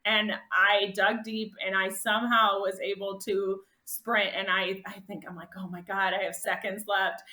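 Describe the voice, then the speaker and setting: A woman guest on a podcast, telling her race story in a casual, animated way and laughing often. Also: medium pitch, measured pace, few pauses, roomy sound. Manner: animated, laughs often, voice rises sharply when reliving moments.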